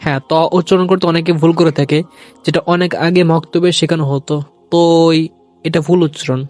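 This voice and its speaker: Man teaching Arabic letters, slightly high voice. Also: steady tone, a little mellow, faint music behind. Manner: repeats each letter slowly and firmly for learners to copy. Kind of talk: instructional video lesson.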